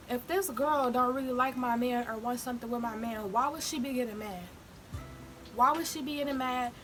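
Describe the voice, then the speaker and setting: A young adult woman vlogger chatting casually and telling a story in an informal, slangy, emphatic way. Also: fairly high pitch. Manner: animated, informal slangy delivery with emphatic repetition. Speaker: vlogger hosting a mukbang storytime. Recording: music in the background. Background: background music.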